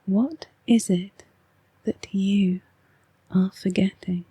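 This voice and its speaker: A woman with an English accent, speaking in a hushed, half-whispered voice as she hosts a soft-spoken, rambling ASMR card reading. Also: medium pitch, steady tone, slow pace, husky, dry recording. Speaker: oracle card reader and ASMR host.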